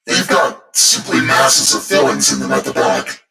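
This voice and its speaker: A man's voice: mid-range voice, sing-song, unhurried, creaky, pitched above the performer's own voice. A man voicing a naive, curious young male lodger in a spooky story, speaking courteously and a little hesitantly. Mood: puzzled. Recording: echoey, distant voice over music.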